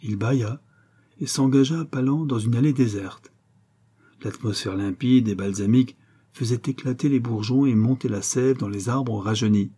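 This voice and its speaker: Mellow male audiobook narrator. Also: mid-range voice, husky. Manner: measured, literary phrasing. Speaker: audiobook reader. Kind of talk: scripted narration of a novel.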